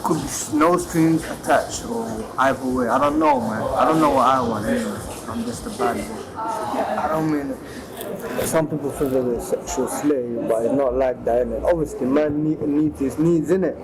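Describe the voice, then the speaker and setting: A man's voice: medium pitch, normal speed, hardly any pauses, low-quality recording. A man chatting casually in a rambling, slangy way, recorded covertly. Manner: rambling, slangy, repeated 'innit' tags. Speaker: landlord. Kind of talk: casual chat, secretly recorded. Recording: busy crowd noise, hidden microphone.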